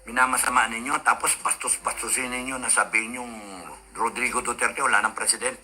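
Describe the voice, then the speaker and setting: Heated rambling man, very bright voice. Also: mid-range voice, little pitch movement, fairly quick, slight background noise. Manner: heated, swearing, rambling with many fillers. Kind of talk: ranting monologue.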